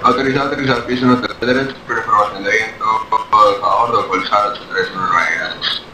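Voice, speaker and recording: A man's voice: lowish voice, fairly even intonation, fast talker, bright, forceful tone, faint music behind. A man, an airline pilot speaking over the radio, giving polite, formal readbacks in radio phraseology. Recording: distant, echoey, noisy radio channel.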